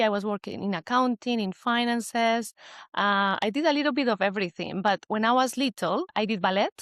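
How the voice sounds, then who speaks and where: A woman's voice: mid-range voice, fairly bright tone, no echo, studio quality. A woman in her forties from Colombia, with a Colombian Spanish accent, talking about her business as an interview guest in a hesitant, restarting way. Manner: hesitant, many fillers and restarts. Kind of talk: casual interview chat.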